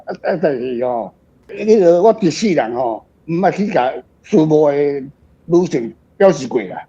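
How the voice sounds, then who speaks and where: A slightly high, warm voice with a breathy edge belongs to an older author with a Taiwanese accent, a guest on a radio program. His book talk is casual and reflective, frank, rambling, and self-deprecating, and the lo-fi recording is dull.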